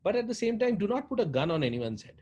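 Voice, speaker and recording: A man's voice: high-pitched, sing-song, quick pace, darkish tone, muffled recording. A man with an Indian accent giving long, earnest explanations as an interview guest, often repeating phrases for emphasis. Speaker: interview guest, head of a social foundation. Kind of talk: interview talk, explaining at length. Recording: clearly noisy background.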